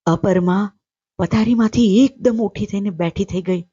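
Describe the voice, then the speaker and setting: A woman storyteller reading a literary short story aloud in a measured, steady way. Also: lowish voice, slightly rough, no echo, lo-fi sound.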